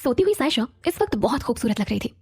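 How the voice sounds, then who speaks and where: A woman narrating a romantic audio series in a steady storytelling manner. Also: on the high side, fast talker, husky, soft background music.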